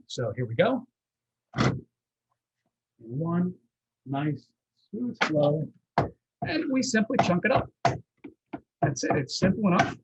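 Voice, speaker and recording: As guest chef at a live cooking demonstration, a man explains each step in a folksy, reassuring, conversational way. His voice sits on the high side, and the recording has its highs cut off along with background noise.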